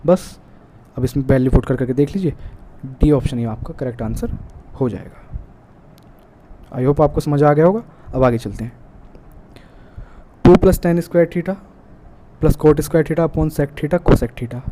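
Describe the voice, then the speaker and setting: A man's voice: fairly high pitch, measured pace, long pauses, warm tone. A man with an Indian accent teaching an exam-prep math lesson, working through problems step by step and mixing in English math terms. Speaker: math tutor. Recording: faint background noise.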